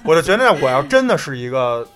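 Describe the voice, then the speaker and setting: A man's voice: on the high side, fast, soft background music. A man in a casual podcast chat, telling stories bluntly and with frequent swearing. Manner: blunt, profane, animated storytelling. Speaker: podcast co-host.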